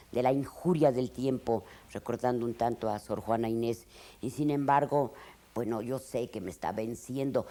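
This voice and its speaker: An elderly woman from Mexico in her eighties, speaking in an expressive, halting way with restarts and dramatic emphasis. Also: a bass voice. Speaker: writer interviewed in archive footage. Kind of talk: reflective interview.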